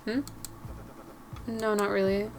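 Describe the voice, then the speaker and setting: A woman voicing a gentle, courteous man in a put-on British accent. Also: medium pitch, flat delivery, slight background noise. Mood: kind. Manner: soft-spoken, courteous, measured.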